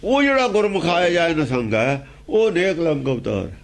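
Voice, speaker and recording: In this scripture exposition talk, a man with a Punjabi accent speaks at normal speed in a voice on the high side, sounding very animated. As a religious teacher, he repeats key phrases and throws out rhetorical questions.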